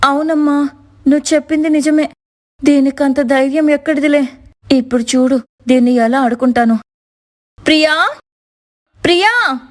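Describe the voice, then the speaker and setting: Bratty high-voiced young woman, played by a woman, cartoon, demanding and whiny. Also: moderate pace, pauses often, close to an everyday voice. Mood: scheming. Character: spoiled bossy young woman, sister-in-law. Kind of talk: cartoon voice acting.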